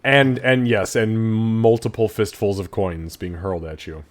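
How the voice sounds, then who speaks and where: A man's voice: fairly low pitch, normal speed. A man acting as game master, casually narrating and refereeing a tabletop role-playing game.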